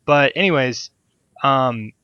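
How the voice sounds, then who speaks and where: A man's voice: medium pitch, slow pace, no echo. Male podcast host, enthusiastic and rambling, casual swearing; muffled lo-fi call, dead-dry room. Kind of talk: casual chat over a Skype call. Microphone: desk mic on a call.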